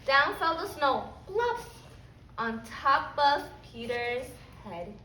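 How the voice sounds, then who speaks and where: This high-pitched preschool teacher is very animated, with a sharp tone and slow delivery. She prompts young children with simple repeated questions and phrases during a question-led lesson and picture book read-aloud. The indoor classroom recording sounds roomy, with a distant mic and faint background noise.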